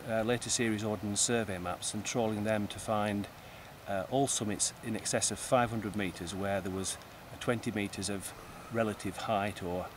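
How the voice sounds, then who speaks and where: A man from East Lancashire, England, appears as a guest in a conversational interview, speaking in a lowish voice over background noise. He explains things thoughtfully and precisely, sometimes restarting words mid-phrase.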